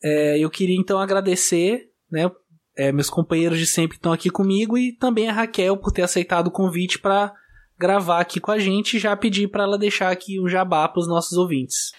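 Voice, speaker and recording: A man with a Brazilian Portuguese accent hosting a podcast in casual chat, talking in a relaxed way with small restarts. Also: high-pitched, brisk. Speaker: podcast host.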